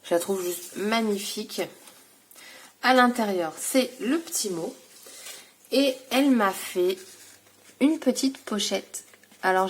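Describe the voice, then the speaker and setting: A woman from France chatting casually as she shows off craft gifts, hesitating often with fillers. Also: medium pitch. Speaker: scrapbooking vlogger. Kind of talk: casual show-and-tell vlog.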